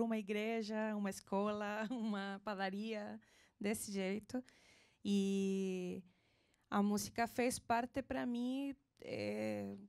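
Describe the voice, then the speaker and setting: Gravelly Chilean woman, reflective. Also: on the high side, darkish tone. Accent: Chilean Spanish. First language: Spanish. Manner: reflective, searching for words. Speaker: panelist, singer-songwriter. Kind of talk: panel talk.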